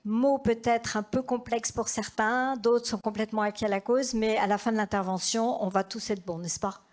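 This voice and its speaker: A woman's voice: on the high side, steady tone, normal speed, a little mellow. A woman moderating a conference and introducing the next speaker in a light, playful way.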